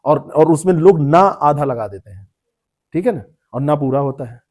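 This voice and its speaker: A man's voice: on the high side, expressive, normal speed, a little mellow. A man teaching a classroom lecture, explaining word meanings, repeating terms and quizzing students by name. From India.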